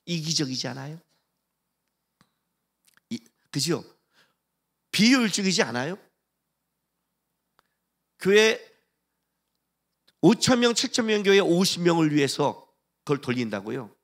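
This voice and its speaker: A man's voice: on the high side, sing-song, unhurried, long pauses. A male pastor preaching a sermon in a church, asking the congregation questions and acting out the voices of the people he quotes. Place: church sanctuary.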